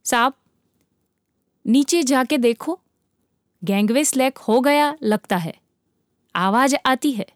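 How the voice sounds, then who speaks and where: A woman voicing a calm, commanding male chief officer of a ship in a storybook reading. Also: sits high, takes it slowly, long pauses, no room sound, studio quality. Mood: alert. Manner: steady giving of orders.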